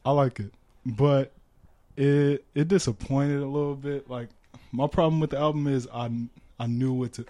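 Brief: young male podcast co-host, mellow tone, loose slangy delivery, easy laughs. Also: medium pitch, moderate pace. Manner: relaxed slangy talk, laughs often. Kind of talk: casual chat.

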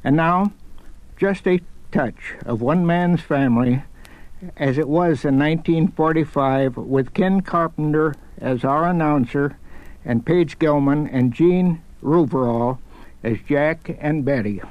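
A man giving a formal, measured, scripted introduction to a radio program. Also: on the high side, no room sound. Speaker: radio writer and director introducing an excerpt. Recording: dry, dull old recording.

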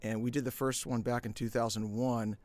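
A middle-aged man from the United States, a podcast guest who tells his story in a relaxed, self-deprecating way. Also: medium pitch, a little fast. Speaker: podcast guest, sumo federation founder. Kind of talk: casual interview talk.

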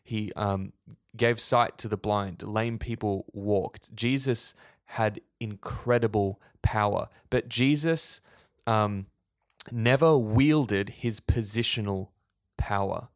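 A man with a fairly low voice co-hosts a faith discussion podcast, laying out his points in an earnest, preachy way. The sound is dry and close. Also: slow, dry recording. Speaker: podcast co-host.

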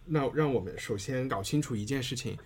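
A woman hosting a relaxed discussion, steering it along with questions to her co-hosts. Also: a bass voice, a little fast, a little hiss or hum. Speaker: podcast host. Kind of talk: casual discussion.

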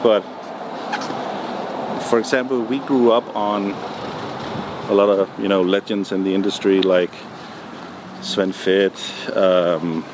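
A man answering interview questions in a relaxed, hesitant way, with many ums and restarts. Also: fairly low pitch, takes it slowly, long pauses. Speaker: music producer guest. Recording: noisy background.

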